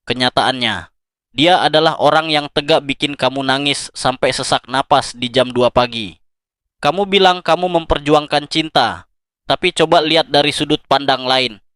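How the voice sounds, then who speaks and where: A man's voice: fairly high pitch, moderate pace, fairly bright tone, smooth, dry recording, clean studio sound. A man narrating a scripted psychology video, speaking directly and persuasively to the listener. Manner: direct, second-person, persuasive.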